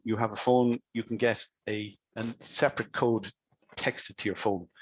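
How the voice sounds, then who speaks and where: A man's voice: medium pitch, no room sound, muffled recording. A man with an Irish accent giving a webinar presentation on security, firing questions at listeners and often restarting his sentences. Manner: asks the audience rapid questions with frequent restarts. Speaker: cybersecurity presenter.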